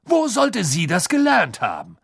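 A man's voice: high-pitched, wildly swooping pitch, measured pace, gravelly, fairly bright tone, breathy edge, no room sound, studio quality, pitched above the performer's own voice, exaggerated voice. Audiobook figure: a man playing a protective middle-aged father, near his own voice, reproachful. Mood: appealing. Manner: reproachful, appealing.

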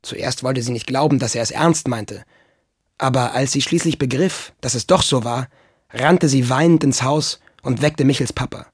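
A man reading a children's story aloud with lively, expressive narration. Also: medium pitch, normal speed, husky, no echo, studio quality.

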